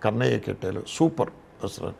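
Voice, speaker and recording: Gravelly older Telugu man recalling films. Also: fairly low pitch, expressive, brisk, a little mellow, slight background noise. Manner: storytelling, acts out past conversations. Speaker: film director, interview guest. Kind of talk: reminiscing interview talk.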